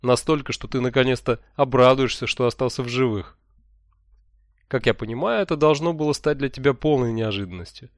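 A man's voice: medium pitch, brisk, no room sound, clean studio sound, lightly acted. A man reading an audiobook who voices a cheerful, smug male sorcerer mentor, talking in a breezy, jovial way. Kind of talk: audiobook character voice.

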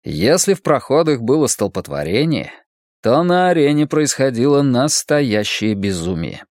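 A man narrating a fiction audiobook with steady, measured storytelling. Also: mid-range voice, dry recording.

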